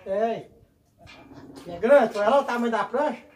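A man, narrating a fishing vlog from a windy platform on the water and excitedly calling out to his viewers. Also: very high-pitched, normal speed. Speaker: fishing vlogger. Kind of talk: casual outdoor fishing vlog.

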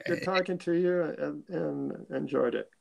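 A man's voice: on the high side, moderate pace, gravelly, low-quality recording. An older man talking as a guest on an interview show, earnest and stumbling over his sentence starts. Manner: earnest, repeats words when starting sentences. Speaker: guest, musician. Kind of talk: casual interview chat.

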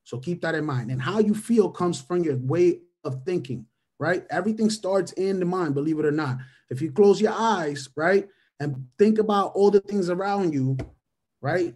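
Somewhat high and a little mellow, this man's voice carries a motivational mentoring webinar over a video call, picked up by a webcam or headset. He is in his thirties, a native Spanish speaker from Venezuela. He repeats key phrases and checks in with listeners, finishing almost every point with an inquiring "right?".

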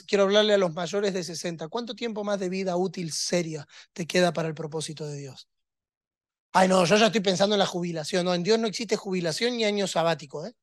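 A man's voice: high voice, dry recording, studio quality. A man preaching a sermon, emphatic and rhetorical, with touches of humor.

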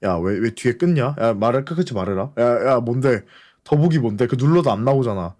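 Man, live streamer, casual chat, teasing banter, rapid repeated apologies, very lively pitch. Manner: playful mock-threatening banter, repeated apologies; fast repetitive interjections.

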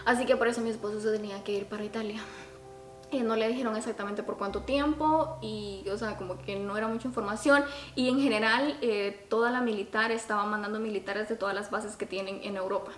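A young adult woman vlogger telling a personal story in a casual, chatty, expressive way to the camera. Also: mid-range voice, brisk. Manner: expressive, chatty, talks with her hands. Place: small furnished room at home, indoors. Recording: roomy home video sound. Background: background music.

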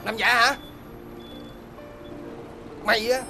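A woman's voice: on the high side, fairly even intonation, over music. An actress playing a blunt young woman who scolds a drunk friend. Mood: exasperated. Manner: fast, exasperated scolding.

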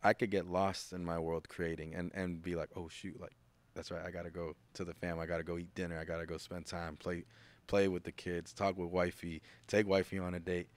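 Low-voiced laid-back male producer. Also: flat delivery, brisk. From United States. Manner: laid-back, rambling with restarts and acted-out quotes. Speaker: music producer, podcast guest. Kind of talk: casual interview chat. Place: podcast studio, indoors. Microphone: studio mic with headphones.

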